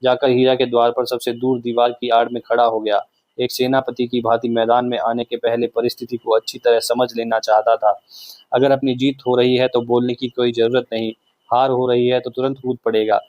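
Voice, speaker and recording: A man reading a classic novel aloud as narrator, with steady, measured storytelling. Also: medium pitch, no echo, lo-fi sound.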